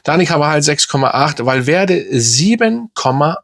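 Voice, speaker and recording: A man's voice: fairly high pitch, lively intonation, moderate pace, a bit bright, dry recording, studio quality. A young man who hosts a football fan channel, giving a frustrated, rambling match reaction full of fillers and restarts.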